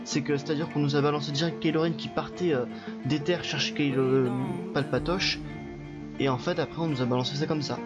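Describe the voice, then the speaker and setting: A young man talks through a film review in a loose, chatty way, stumbling over fillers and restarts as he goes. His voice sits a bit high for a man. The recording is dull and lo-fi, with faint music underneath. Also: fairly even intonation, fairly quick. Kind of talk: casual video review.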